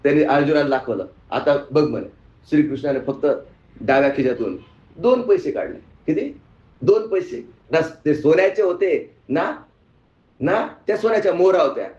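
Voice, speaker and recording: A man's voice: a little high, very animated, moderate pace, darkish tone. A male spiritual teacher telling a story in a sermon and asking his audience questions. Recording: echoey room, muffled sound.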